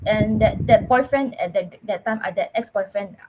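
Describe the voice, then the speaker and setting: A woman with a Singaporean English accent telling her own story as a podcast guest, earnest and halting, often restarting her words. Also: medium pitch, mellow, poor audio. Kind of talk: personal storytelling in casual chat.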